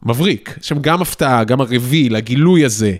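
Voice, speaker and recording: A man's voice: mid-range voice, animated. A man hosting a casual interview, asking structured, articulate questions. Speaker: podcast host.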